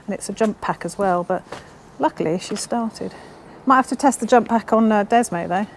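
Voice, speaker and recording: A woman's voice: mid-range voice, normal speed. A chatty woman talks as she works on her motorbike in a home garage. She reads instructions aloud and pokes fun at herself. A faint noise hums in the background. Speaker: motovlogger. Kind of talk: casual chat while working on a motorbike.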